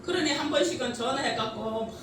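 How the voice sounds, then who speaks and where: A woman's voice: fairly high pitch, fast talker, a little hiss or hum. A middle-aged woman preaching a sermon with many rhetorical questions and frequent laughter, heard from a distance in a church sanctuary. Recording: echoey church hall from a distance.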